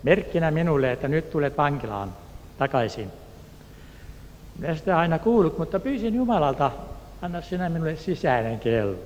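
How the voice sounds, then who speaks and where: A man from Turku, Finland, telling a personal testimony in an earnest, unhurried way and acting out the voices of the people in his story. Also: a little high, sing-song, darkish tone. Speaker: speaker giving a personal testimony. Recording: echoey hall, faint background noise.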